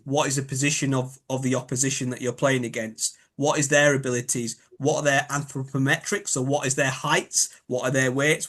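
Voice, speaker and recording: A man's voice: medium pitch, fairly bright tone. Man with a Yorkshire accent explaining. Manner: thoughtful, rephrases often. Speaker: biomechanics expert guest. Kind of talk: explanatory interview talk.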